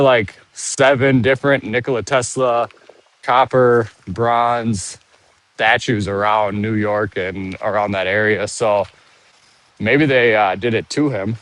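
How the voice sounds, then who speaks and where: A man's voice: medium pitch, a bit bright, no echo. A man out of breath from walking, rambling and thinking aloud with restarts while he live-streams outdoors and reads viewer comments. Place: outdoors, walking around a monument.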